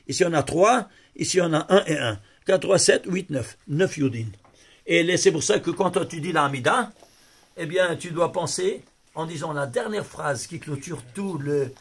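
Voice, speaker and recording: A rabbi giving a lively lesson, exclaiming over numbers and speaking straight to his listeners. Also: sits high. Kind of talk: Torah lesson on gematria.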